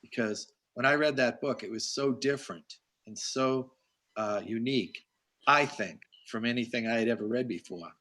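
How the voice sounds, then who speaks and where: Guy hosting a live video call, rambly and chatty, middle pitch, keeps circling back. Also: normal speed. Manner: rambling, chatty, warmly complimentary. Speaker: host. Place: home in Boston.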